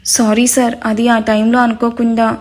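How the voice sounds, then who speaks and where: A woman's voice: fairly high pitch, flat delivery, moderate pace, a little mellow, lightly acted. A woman voicing a timid young woman who politely pleads in a spoken storybook. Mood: meek.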